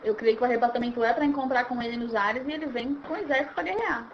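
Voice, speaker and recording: A woman leading an informal Bible study, animated and acting out scenes as she explains. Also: a little high, rapid-fire, lo-fi sound, slight background noise. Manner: animated, acts out scenes, repeats words while restarting.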